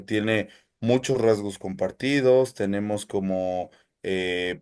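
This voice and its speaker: A teacher, answering interview questions in a measured, hesitant way with many fillers. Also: male voice, lowish voice, clear, resonant tone. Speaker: teacher, guest.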